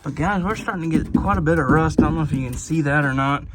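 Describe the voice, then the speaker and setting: A man with a slightly higher voice chats to his viewers while he works in a garage. He rambles, filling gaps with "uh" and "um" and correcting himself as he goes. A faint hiss of noise sits under the voice. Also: fast. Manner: rambling, many fillers and self-corrections. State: out of breath. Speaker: vlogger restoring a truck. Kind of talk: casual talk to camera while working.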